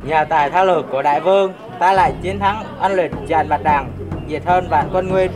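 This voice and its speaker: An eager military messenger acted by a man reports formally in a historical stage drama. The voice is fairly high and projected, with booming music behind it. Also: brisk, natural voice. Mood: triumphant. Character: eager male army messenger reporting victory to his lord.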